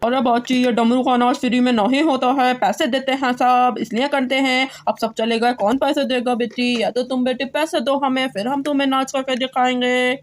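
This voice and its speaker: Woman doing a street show guy, chanty and high-ish, doll-play story. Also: steady tone, normal speed, hardly any pauses, dry recording, lightly acted. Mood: bargaining. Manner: calling out, sing-song chanting. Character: adult male street performer with a damru.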